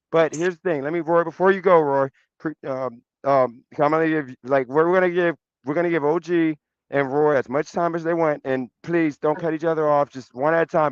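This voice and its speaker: A male livestream host with a fairly high, smooth voice. He talks off the cuff, frustrated and insistent, circling back over his points. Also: no echo, highs cut off. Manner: frustrated, insistent, repeats himself. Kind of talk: unscripted address to guests.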